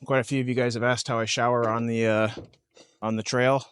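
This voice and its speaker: A man vlogging casually from a lakeside campsite, talking in a relaxed, rambling way with lots of hesitations. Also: medium pitch, brisk, smooth, no echo. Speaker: camping vlogger. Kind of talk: casual outdoor vlog.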